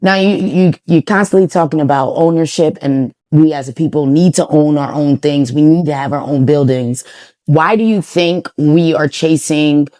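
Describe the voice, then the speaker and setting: A woman hosting an interview, playful and quick to push back in a sit-down chat. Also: deep voice, warm tone. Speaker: interview host. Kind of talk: unfiltered sit-down conversation.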